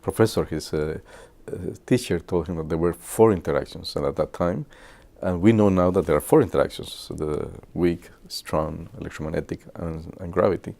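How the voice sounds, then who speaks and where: A man in his sixties from Guatemala, speaking English, shares memories with students in a halting way, full of filler pauses. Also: sits low, vocal fry, warm tone. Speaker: physicist. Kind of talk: reminiscing talk to students.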